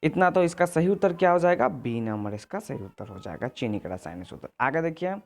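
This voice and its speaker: Exam-prep tutor, repetitive, self-correcting, mid pitch. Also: big pitch swings, brisk, vocal fry, a little mellow. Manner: checks in with "ठीक है" and "आगे देखिए". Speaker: teacher. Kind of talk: exam answer walkthrough lesson.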